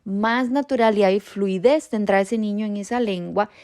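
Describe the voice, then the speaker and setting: A woman hosting a podcast on raising bilingual children, explaining calmly and speaking straight to parents. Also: medium pitch, normal speed, clear, resonant tone. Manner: calm, explanatory, addresses parents directly. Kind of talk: informative podcast talk.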